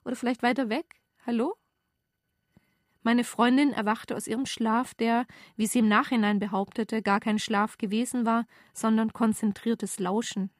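A woman reading her first-person story aloud in a measured, deadpan way, recorded close to the mic. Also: fairly high pitch, no room sound. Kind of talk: literary reading.

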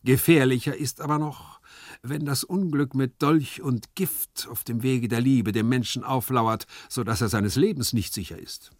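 A man voicing a calm, philosophizing male servant with a preachy, mock-solemn manner in a literary reading. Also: mid-range voice, normal speed, no echo, studio quality, voice pushed up, lightly acted. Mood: sententious. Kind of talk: literary reading with acted voices.

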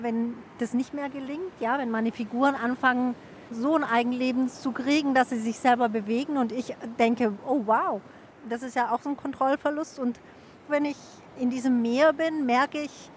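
A woman's voice: fairly high pitch, slight background noise. A woman narrating her own reflective feature in a thoughtful, introspective way. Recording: narration with music underneath.

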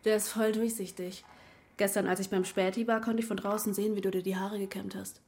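A woman's voice: mid-range voice, flat delivery, brisk, a little mellow, a little hiss or hum, close to an everyday voice. An actress playing an eerie female double who teases a young woman by echoing her words, in a radio drama. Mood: mocking. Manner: teasing, echoing the other's words.

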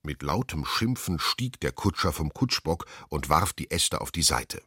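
A man narrating a children's storybook with expressive, lively delivery. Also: very deep voice, unhurried, husky, no echo, studio quality.

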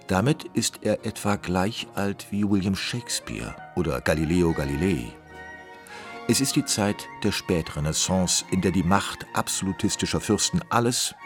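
A man reading a scripted radio documentary in a measured, explanatory manner. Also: sits low, slightly rough, dry recording. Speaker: documentary narrator.

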